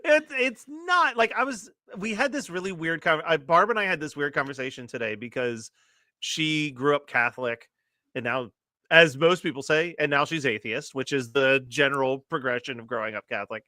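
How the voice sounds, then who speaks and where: A man's voice: fairly high pitch, moderate pace, sharp tone, dry recording, studio quality. A man co-hosting a podcast in casual chat who laughs often and keeps saying "like". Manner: laughs often, says "like" a lot. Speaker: podcast co-host.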